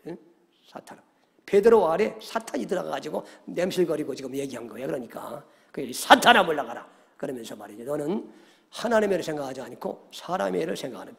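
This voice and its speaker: A male pastor preaching a Sunday sermon, animated, often checking in with the congregation and acting out quoted voices. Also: fairly high pitch, fast, creaky. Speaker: senior pastor. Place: church sanctuary. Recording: long church hall reverb.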